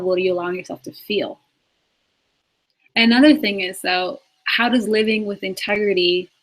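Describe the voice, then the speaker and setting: A life coach in her twenties speaks earnestly during a live Q&A on spirituality, captured in poor audio. Her mid-range voice is fairly bright, and she repeats words for emphasis, laughing and restarting along the way.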